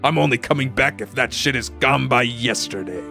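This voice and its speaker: A man voicing a curt, dismissive action hero in a deadpan amateur meme dub. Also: medium pitch, brisk, creaky, soft background music.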